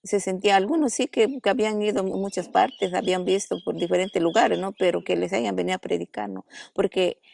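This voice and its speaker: A woman's voice: medium pitch, fairly even intonation, fairly quick, creaky, hardly any pauses, darkish tone, slight background noise. A woman pastor from the Amazon jungle giving her testimony in an interview, telling the story and acting out the quoted dialogue, recorded at a family house in a jungle village. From Amazon jungle region.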